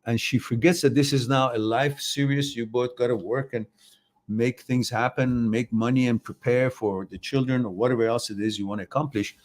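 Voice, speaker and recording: Male live-stream host, middle-pitched, rambling and opinionated. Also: fairly even intonation, moderate pace. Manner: opinionated, rambling, acts out quoted voices. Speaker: host answering viewer questions. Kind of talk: live chat advice talk.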